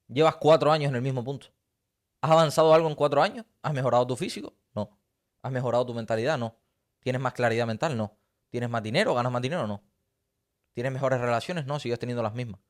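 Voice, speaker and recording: A man, giving an intense, preachy motivational talk straight to camera and piling up rhetorical questions. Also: mid-range voice. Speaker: motivational coach. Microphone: talking straight to camera.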